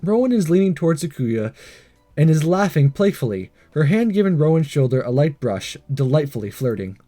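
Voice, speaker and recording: A man with a slightly high, warm voice talks a bit fast, his pitch swinging widely. He's a let's play host reading a visual novel aloud, tripping over lines, re-reading them and adding commentary. Game music plays behind him.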